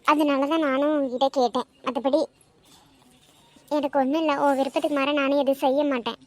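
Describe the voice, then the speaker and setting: A woman's voice: high-pitched, fairly even intonation, brisk, a little mellow, no room sound, close to an everyday voice. A woman voicing a hurt, reproachful cartoon mother. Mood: hurt pleading. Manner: reproachful, emotional. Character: grieving middle-aged mother, hurt, pleading. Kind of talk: animated cartoon voice acting.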